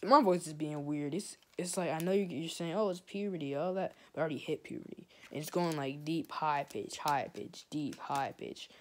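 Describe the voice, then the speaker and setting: This gaming vlogger, a teenage boy, speaks into a phone held near his face in a cramped bedroom. His voice sits on the high side and fairly bright, moving at a moderate pace with almost no pauses, and it sometimes cracks. He rambles loosely, says "like" constantly, and drifts away from his point.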